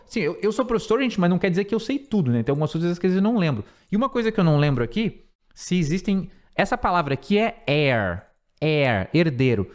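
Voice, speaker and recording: A Brazilian man teaches English, his pitch moving in a lively way as he explains grammar. He repeats words slowly over and over so the sounds come through. His voice sits a little above the usual male range. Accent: Brazilian Portuguese.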